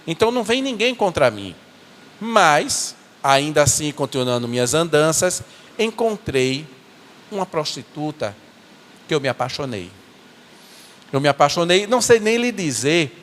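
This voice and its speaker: A man's voice: a little high, big pitch swings, a bit bright. Man playing a rueful biblical strongman in a church monologue: earnest, stumbling repeats, reverberant sanctuary sound. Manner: earnest, halting storytelling with repeated words. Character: biblical strongman, remorseful, telling his own fall. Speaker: church performer. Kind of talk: first-person dramatic monologue in church. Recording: echoey church hall.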